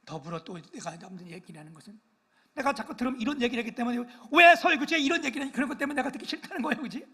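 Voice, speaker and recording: An older man preaching a sermon as pastor, telling stories with hushed asides and loud exclaiming peaks, teasing his congregation. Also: very high-pitched, lively intonation, very fast, breathy edge. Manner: self-deprecating, teases the congregation for no amens. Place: church sanctuary.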